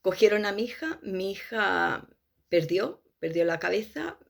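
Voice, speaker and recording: A woman gives a personal testimony, her voice carrying a gravelly fry. She tells it with emotion, often halting and restarting her phrases. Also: mid-range voice, sing-song. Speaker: testimony speaker.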